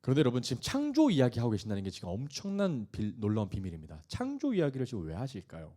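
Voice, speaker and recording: A man's voice: medium pitch, wildly swooping pitch, fast, dark tone. A male pastor giving a sermon, reading scripture aloud with force and asking the congregation questions that he then answers himself.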